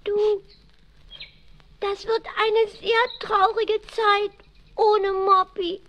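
A woman voicing a fretful, scolding little female duckling, squeaky and quacking, in a children's audio play. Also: little pitch movement, extremely slow, a bit bright, heavily acted. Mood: sad. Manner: whiny, scolding. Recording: faintly noisy old record.

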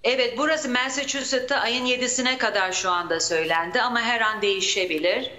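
A woman speaks as a radio show caller from home, heard over an echoey phone line. Her voice sounds bright and forceful. She talks earnestly in long, steady run-on sentences. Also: fairly high pitch, brisk. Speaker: caller to a broadcast from abroad. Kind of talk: casual live phone report.

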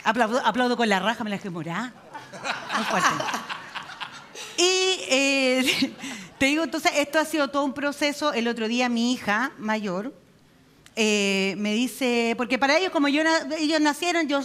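A Chilean woman on stage doing stand-up, her voice high and ringing. She fires off crude, slangy jokes and keeps pulling the audience into the banter. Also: normal speed, fairly bright tone, slight background noise. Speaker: stand-up comedian. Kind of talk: live stand-up set.

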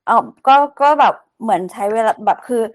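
A woman co-hosting a casual Thai podcast, chatty and quick to laugh as she shares her own experiences. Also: on the high side. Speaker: podcast co-host. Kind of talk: casual chat.

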